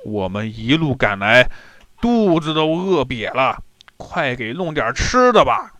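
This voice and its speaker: A man voicing a boisterous, hard-drinking general who brags loudly, in a storybook reading. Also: medium pitch, sing-song, measured pace, no echo. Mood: boastful. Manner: loud, jovial bragging.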